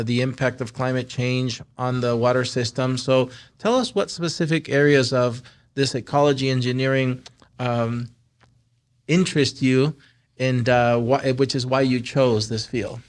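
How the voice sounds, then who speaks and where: A man's voice: mid-range voice, fairly even intonation, normal speed. A man hosting an interview podcast, asking long, chatty questions with fillers, at a desk mic in a studio. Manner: chatty, thinks aloud with fillers. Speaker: podcast host. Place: wood-panelled studio set. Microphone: desk mic on a stand.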